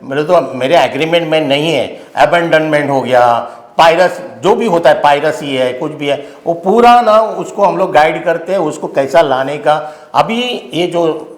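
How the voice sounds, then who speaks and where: An older man, a union general secretary, giving blunt, halting answers in an interview and often restarting his phrases. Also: on the high side. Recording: roomy studio echo.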